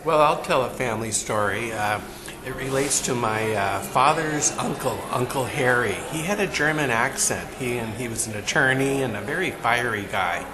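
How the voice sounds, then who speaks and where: A man telling a family anecdote plainly, with small pauses. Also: mid-range voice. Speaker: storyteller. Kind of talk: casual storytelling.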